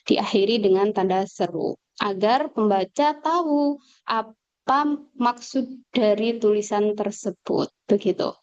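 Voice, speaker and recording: A woman teacher explaining a lesson slowly on a video call, with fillers and pauses. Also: medium pitch, a little mellow, no echo. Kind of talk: online class lecture. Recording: dull lo-fi video call audio.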